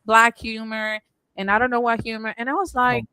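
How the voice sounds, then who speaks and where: A woman's voice: fairly high pitch, moderate pace, clear, resonant tone, dry recording, rough recording. Talkative Puerto Rican woman, dry close sound. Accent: Puerto Rican Spanish. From Puerto Rico. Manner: animated storytelling, laughs often, quotes herself. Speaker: podcast co-host. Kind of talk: casual chat.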